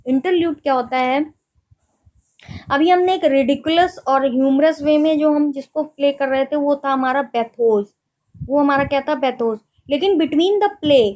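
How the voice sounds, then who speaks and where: A woman with a high voice teaches literary terms for an exam at an unhurried pace. She reads each definition slowly, then goes over it again with quick questions. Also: low-quality recording. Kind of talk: exam-prep lecture in Hindi and English.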